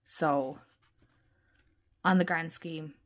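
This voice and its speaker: A woman chatting casually through a tarot deck review at her desk. Her voice is worn from illness, and she gushes and often drops into soft whispers. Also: sits low, steady tone, very slow, a little hiss or hum.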